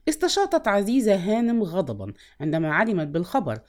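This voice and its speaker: A woman narrating a novel aloud in a measured, expressive storytelling manner. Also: medium pitch.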